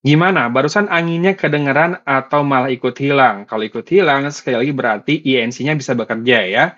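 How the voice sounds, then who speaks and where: A man talks calmly through a wireless earbud microphone while a fan blows from one side, walking viewers through a mic test. The sound is dull and lo-fi, like a small earpiece pickup. He keeps an easy, casual reviewer's tone. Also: medium pitch, fairly quick. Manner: calm, explains the test to viewers. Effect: voice through wireless earbud mic with a fan blowing beside him.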